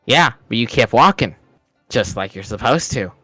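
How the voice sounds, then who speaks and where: A man's voice: medium pitch, animated, moderate pace, a bit bright, no echo, soft background music. A man voicing a big old talking raccoon in a tabletop game, sly, smug and needling. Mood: smug, brusque. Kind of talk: tabletop game role-play.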